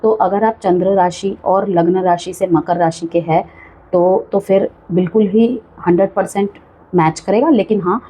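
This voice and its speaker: A woman's voice: mid-range voice, normal speed, dark tone, a little hiss or hum, low-quality recording. A woman giving a chatty monthly tarot horoscope reading, full of warnings and frequent check-ins with the listener. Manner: chatty, cautionary, repeats "ठीक है" often. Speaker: tarot reader.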